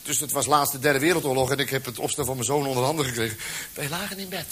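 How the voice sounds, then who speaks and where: A man's voice: mid-range voice, steady tone, very fast, a bit bright. A man performing a rambling, absurd cabaret monologue on stage, full of hesitant fillers. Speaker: stand-up comedian. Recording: live recording with audience and background noise.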